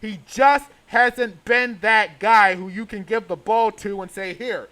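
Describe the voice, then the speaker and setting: A man's voice: high voice, steady tone, measured pace, sharp tone. A man hosting a sports vlog, delivering an opinionated rant in an exasperated, emphatic way. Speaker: sports show host.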